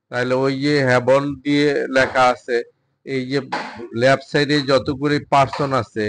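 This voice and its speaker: A man, a Bengali speaker, teaching English drills by reading each sentence slowly and then translating it. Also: mid-range voice, fairly bright tone, dry recording. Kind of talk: spoken English drill lesson.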